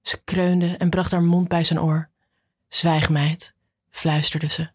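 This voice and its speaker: A woman narrates an audiobook in a husky, fairly low voice. Her reading is calm and unhurried. The recording is close and dry. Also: no room sound.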